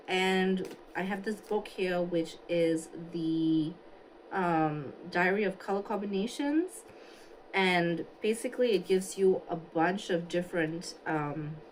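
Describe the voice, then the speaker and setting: A woman's voice: on the low side, a little mellow, slight background noise, rough recording. A woman from Singapore livestreaming a makeup look, chatting casually and thinking aloud as she answers viewers. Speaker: beauty livestreamer. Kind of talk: casual livestream chat while doing makeup. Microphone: phone on a stand.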